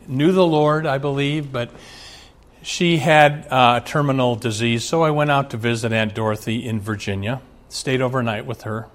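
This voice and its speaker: A man's voice: medium pitch, fairly even intonation, normal speed. A middle-aged man from Omaha preaching a sermon as pastor, speaking earnestly and addressing fathers directly with rising emphasis. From Omaha, USA.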